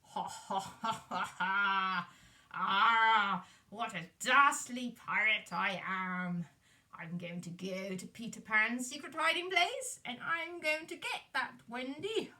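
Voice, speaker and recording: A woman voicing a sly, dastardly pirate captain for a puppet show, with drawn-out wheedling and a theatrical villain's manner. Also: fairly high pitch, sharp tone, heavily acted. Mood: gloating, menacing.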